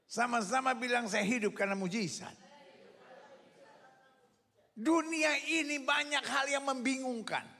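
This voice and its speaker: Man, pastor, very high and ringing voice, shouting sermon, live in a large reverberant church. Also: a little slow, vocal fry, long pauses. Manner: preaching with shouted repetitions and crowd call-and-response. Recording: long reverb of a large hall.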